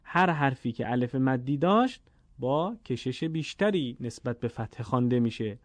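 Speaking in an animated, medium-pitched voice with no room sound, a Persian-accented man teaches Quranic Arabic vowel lengths classroom-style. He's patient, lengthening each sound and going over it slowly and carefully.

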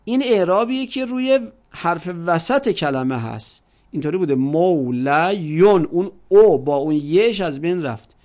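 A man's voice: on the high side, a little mellow. A man teaching an Arabic grammar lesson, explaining patiently, drawing words out and asking rhetorical questions.

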